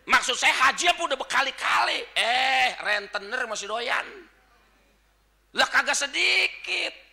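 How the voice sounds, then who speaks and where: Gravelly, bright-voiced Betawi preacher man. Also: very high voice, lively intonation, a little slow. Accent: Betawi Jakarta. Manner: jokey, swings between quiet asides and shouted points. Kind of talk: Sunday dawn sermon.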